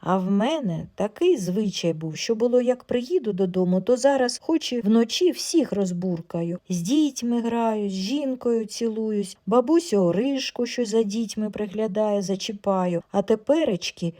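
Mellow woman telling a folk tale. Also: medium pitch, a little slow, hardly any pauses. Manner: lively, expressive folk storytelling. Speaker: audiobook narrator. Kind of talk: storytelling audiobook narration.

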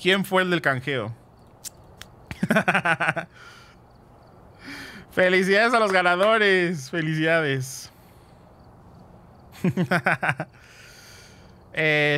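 A man streams a ghost-hunting game live, chatting with his viewers, thanking them and letting out dramatic exclamations. His voice is a little high, pushed and bright.

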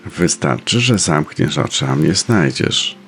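Very deep, slow male meditation guide. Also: expressive. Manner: soft, soothing, unhurried delivery with pauses. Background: faint music.

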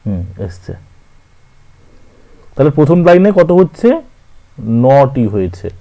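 A literature teacher with a Bengali accent teaches verse scansion, counting syllables aloud and correcting his own slips. His medium-pitched male voice is mellow and sing-song, with a slow pace.

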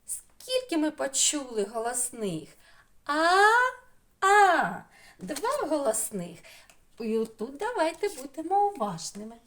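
A woman's voice: high-pitched, sing-song, measured pace, darkish tone. A woman with a Ukrainian accent teaching young children online, stretching out syllables in a sing-song way. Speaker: preschool teacher.

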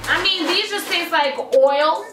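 A woman's voice: very high voice, unhurried, recorded from a distance, noisy background. A Canadian woman casually reviewing snacks for viewers, talking bluntly while chewing food. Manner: blunt, playful, talks straight to viewers. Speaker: vlogger. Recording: roomy, a bit off-mic, music behind.

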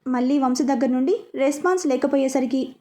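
A woman telling a scripted story in an even, explanatory way. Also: sits high, brisk.

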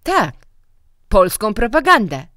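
A woman's voice: fairly low pitch, sing-song, a little slow, no room sound, studio quality, voice pushed up. A woman reading a story voices a stern, mocking middle-aged man, a school director who scolds and lectures. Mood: scornful.

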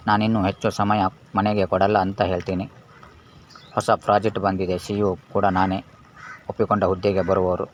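A man voicing a busy, reassuring young husband in a calm, plain storytelling manner. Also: deep voice, moderate pace, close to an everyday voice. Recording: dull lo-fi with faint hiss.

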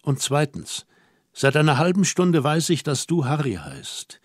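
Brief: calm, motherly young woman who teases and scolds gently, no room sound, read by a man. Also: a little high, measured pace, husky, no echo, studio quality, heavily acted. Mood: teasing.

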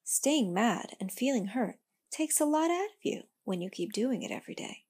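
Brief: a woman doing a wise, gentle old tree giving advice, soft and husky. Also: on the high side, normal speed, pitched above the performer's own voice, heavily acted. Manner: calm, gentle, reassuring.

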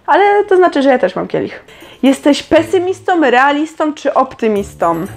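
A woman's voice: sits high, sing-song, moderate pace, soft background music. A young woman casually reading quiz questions aloud and answering them with chatty, sarcastic comments. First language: Polish. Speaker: vlogger.

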